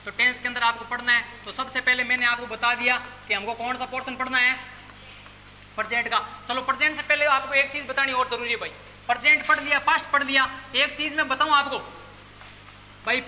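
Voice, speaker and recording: A man's voice: very high voice, fairly even intonation, fairly quick, bright, forceful tone. A male teacher with a Rajasthani Hindi accent gives a classroom grammar lecture, asking questions and answering them himself and calling his listeners brother. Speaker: English teacher. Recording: echoey room with faint background noise.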